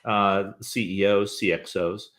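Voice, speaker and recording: Speaking a little slowly in a lowish, steady, fairly bright voice, a fifties-aged man labeled as both podcast host and interview guest relaxes into his career story as a guest. He rambles easily and leans on hesitant fillers.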